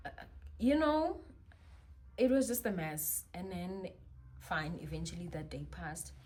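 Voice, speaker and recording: A young woman telling a personal story in a vlog, animated and slangy, with sudden loud bursts. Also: on the low side, unhurried. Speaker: vlogger.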